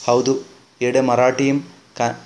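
A man voicing a local villager who slowly explains things to a newcomer, in an audiobook reading. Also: medium pitch, completely flat delivery, darkish tone, close to an everyday voice. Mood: explaining. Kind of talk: audiobook narration.

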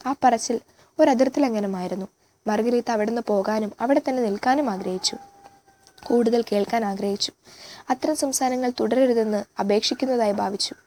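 A woman reading a literary novel aloud in a measured, expressive way. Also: a little high, slight background noise. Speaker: audiobook reader.

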